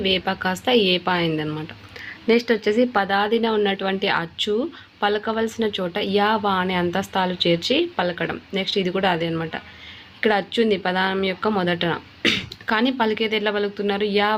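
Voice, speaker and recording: A woman's voice: medium pitch, slight background noise. A woman teaching an exam-prep lesson, explaining step by step and repeating key terms.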